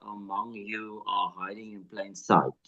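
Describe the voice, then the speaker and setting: A man speaking slowly and haltingly over a video call whose audio keeps breaking up. The sound is dull and muffled, and his words come and go. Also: on the low side, little pitch movement, sharp tone. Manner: halting, full of fillers and restarts. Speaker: player in an online deduction game. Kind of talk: casual video-call discussion.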